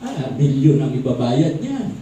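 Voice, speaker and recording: A man's voice: medium pitch, big pitch swings, unhurried, warm tone. A man preaching a sermon, talking conversationally and asking the congregation questions. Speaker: pastor. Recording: echoey hall, distant mic, faint noise.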